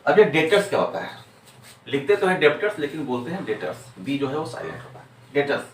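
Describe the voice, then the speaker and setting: A man's voice: on the high side, big pitch swings, fast talker. Man lecturing in an echoey room. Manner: repetitive, rhetorical questions answered himself. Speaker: accounting teacher. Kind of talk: explanatory classroom lecture. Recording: echoey room, distant mic, faint noise.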